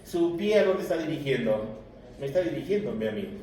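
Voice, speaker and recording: A man giving an animated, joking classroom lecture to his students. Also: fairly high pitch, fairly quick. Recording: echoey room, mic far off, noisy.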